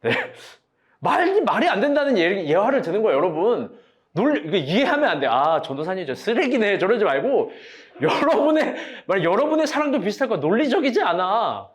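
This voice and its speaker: Young male preacher, high animated voice, casual and joking in his sermon. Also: fairly quick. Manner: casual, joking, acts out quoted arguments, direct questions to congregation.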